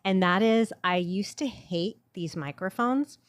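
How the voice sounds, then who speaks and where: Into a studio microphone held off to the side, a woman podcast host chats casually, cursing, joking, laughing a lot and speaking bluntly. Her mid-range voice is a little slow with a clean tone and no echo.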